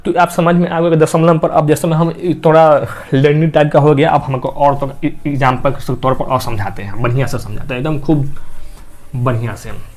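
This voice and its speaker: A man's voice: a little high, fairly even intonation, normal speed, darkish tone. A man teaching a maths class, explaining step by step and asking and answering his own questions. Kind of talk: classroom lesson.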